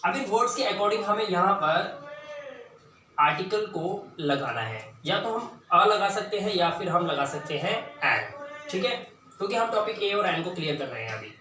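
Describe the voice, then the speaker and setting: A man teaching an English grammar lesson, often asking questions and repeating words slowly for emphasis. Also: sits high, animated, pushed and bright. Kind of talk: classroom-style lesson. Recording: echoey room, distant mic, faint hiss.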